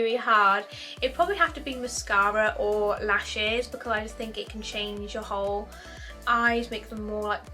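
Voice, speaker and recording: A woman's voice: medium pitch, pushed and bright. A young woman in her twenties from the UK, chatting casually to camera in a Q&A, upbeat and repeating herself often. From United Kingdom. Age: 20s. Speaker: YouTuber.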